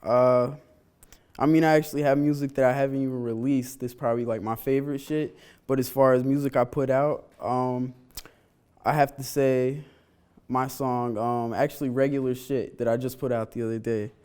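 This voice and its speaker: A young man of nineteen rambles through a relaxed group interview with his crew. His talk is loose and casual, filled with "like," and his pitch sits in the middle of the male range. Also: moderate pace, smooth. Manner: rambling, heavy use of "like". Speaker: rapper, crew member.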